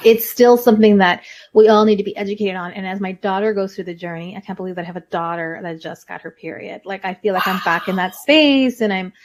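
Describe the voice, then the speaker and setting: A woman in her forties hosting a podcast, chatting enthusiastically and playfully with her guest. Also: medium pitch. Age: 40s. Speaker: podcast host. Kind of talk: casual interview talk.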